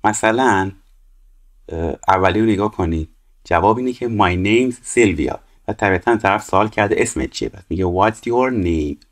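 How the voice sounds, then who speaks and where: Man, English teacher, lowish voice, slow careful reading, quick explanations. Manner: reads English slowly and clearly, then explains quickly. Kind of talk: explaining exercises step by step.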